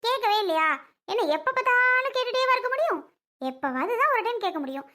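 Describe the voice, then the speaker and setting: Defensive young wife, played by a woman, complaining, very high, sharp and bright. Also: big pitch swings, fast, exaggerated voice. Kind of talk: family drama skit.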